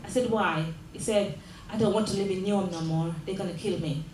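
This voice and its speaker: A woman's voice: mid-range voice, brisk, a crowd in the background. An older woman born in Jamaica, a mayor giving an earnest community speech, often repeating phrases and asking the audience "yes?". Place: large room at a mayor's office. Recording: echoey room with faint ambience.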